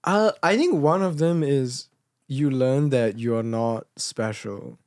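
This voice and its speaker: A young man from Singapore with a Singaporean accent, talking as a guest in loose, comic conversation. His pitch sits in the middle and the sound is dry and close. He is self-deprecating and informal, dropping "like" into his sentences. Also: slow pace, darkish tone, dry recording. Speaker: podcast guest. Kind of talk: casual comic chat.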